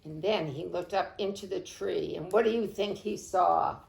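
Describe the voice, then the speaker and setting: A woman librarian reading a picture book aloud to children, expressive and unhurried, praising the kids by name. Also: lowish voice, gravelly. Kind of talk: storytime read-aloud. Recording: roomy echo.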